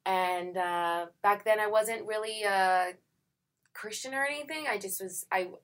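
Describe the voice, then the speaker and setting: A woman's voice: medium pitch, a little slow, a bit bright. A young adult actress, chatty and full of filler words, who acts out her own past thoughts while telling her story in an interview. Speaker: actress guest. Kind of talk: casual conversational interview.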